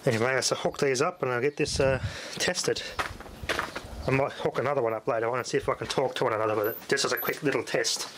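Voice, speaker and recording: Mid-range and fairly even in intonation, this man talks fast as he casually demos radios for his hobby vlog, rambling and muttering as he goes. Loud noise and handling clicks mark the recording.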